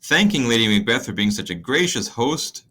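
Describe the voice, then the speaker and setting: Man, bright forceful tone, mid pitch, wry, conversational summary narration. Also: very animated, moderate pace.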